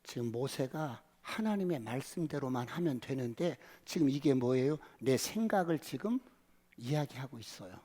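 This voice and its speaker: A male pastor preaching a sermon, telling the story vividly, sometimes shouting the crowd's cries and whispering inner thoughts. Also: medium pitch, animated, moderate pace, big-room sound.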